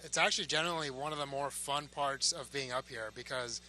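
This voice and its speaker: A man's voice: medium pitch, a little fast, pushed and bright. A man speaking as an astronaut interviewee, answering casually from aboard a space station. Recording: noisy space station link with hum.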